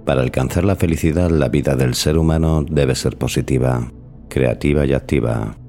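Casting: male podcast host, very deep and mellow, formal scripted delivery. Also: vocal fry, soft background music. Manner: measured, formal. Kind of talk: scripted narration.

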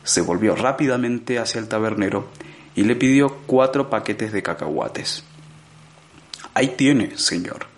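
A male audiobook narrator with a fairly low voice, reading scripted narration in a measured, expressive manner. He paces the story evenly and lets dramatic moments land.

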